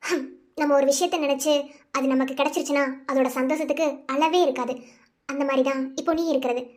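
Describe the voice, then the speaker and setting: A woman's voice: sits high, fairly even intonation, fast, darkish tone, close to an everyday voice. A woman with a Madurai Tamil accent voicing a bold, teasing young wife in a cartoon, bossy and fond as she scolds her husband. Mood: reassuring. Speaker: wife of the tender winner. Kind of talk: cartoon voice acting.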